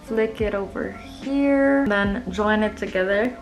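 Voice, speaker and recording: A woman's voice: medium pitch, slow, soft background music. A young woman talking viewers through her makeup in a chatty, playful way, as a casual tutorial vlog. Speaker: makeup vlogger.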